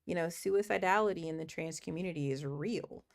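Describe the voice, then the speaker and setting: A woman in her thirties hosts a casual livestream from a desk mic, her voice croaky and a little gravelly. She talks earnestly and thinks aloud, laughing often as she chats with viewers and works through puzzles. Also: lowish voice, a little fast. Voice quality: croaky morning voice. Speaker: livestream host. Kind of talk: casual chat while doing puzzles.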